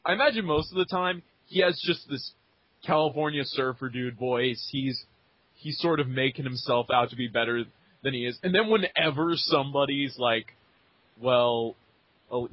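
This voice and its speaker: A man's voice: medium pitch, breathy edge, no echo. A young man co-hosting a casual book chat, talking eagerly and restarting his sentences. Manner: excited, laughing, stumbling restarts. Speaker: podcast co-host. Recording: dull lo-fi recording.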